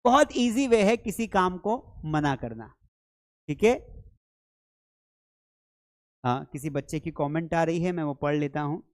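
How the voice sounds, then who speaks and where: A man's voice: fairly high pitch, animated, normal speed. A man teaching spoken English in a live online lesson, calling viewers "children" and repeating phrases for drills.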